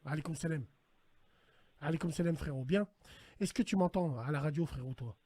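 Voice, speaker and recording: A man's voice: on the high side, brisk. Slangy man hosting a call-in stream. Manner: animated, slangy, swings between mock-whispered dread and shouting. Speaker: host. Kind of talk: casual livestream radio chat.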